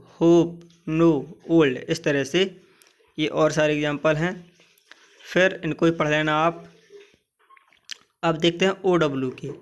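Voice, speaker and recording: Hindi-speaking man drilling English pronunciation. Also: on the high side. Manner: repeats example words slowly, asks the class "what?". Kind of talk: Hindi-language lesson explaining English vowel sounds.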